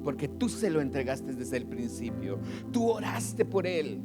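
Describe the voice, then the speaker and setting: A pastor with a Mexican Spanish accent preaches an animated sermon, acting out the voices of his congregants. His pitch is medium and his pace a little slow, with music playing in the background.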